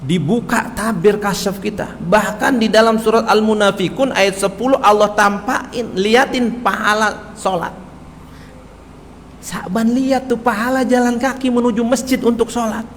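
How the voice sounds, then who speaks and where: A man's voice: high-pitched, fairly even intonation, moderate pace, a bit bright, in a large hall, a little hiss or hum. A man preaching in a mosque, telling a story and often turning to his listeners. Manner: storytelling, addressing listeners as Pak. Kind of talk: mosque study sermon.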